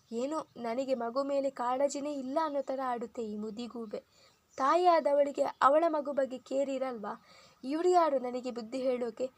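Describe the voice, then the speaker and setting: A woman voicing a resentful young wife who mutters scornful complaints. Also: high-pitched.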